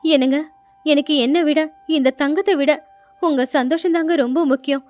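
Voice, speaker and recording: A poor young wife, devoted and tender, as a woman voices her in a storybook tale. Her voice is high and pleading, with soft music underneath. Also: moderate pace, lightly acted.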